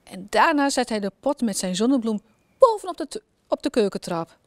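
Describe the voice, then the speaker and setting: A woman from the Netherlands telling a children's story in a gentle, expressive way. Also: fairly high pitch, a little fast, no echo, clean studio sound.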